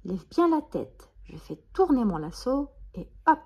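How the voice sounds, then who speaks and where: A woman doing a squeaky eager little hamster boy. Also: measured pace, slightly rough, exaggerated voice. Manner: excited, high and loud.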